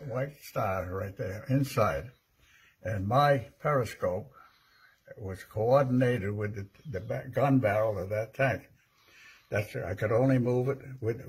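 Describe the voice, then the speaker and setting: An elderly American man, an old veteran remembering his service in a plain, halting way. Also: mid-range voice. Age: 80s or older. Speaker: World War II veteran. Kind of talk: personal reminiscence.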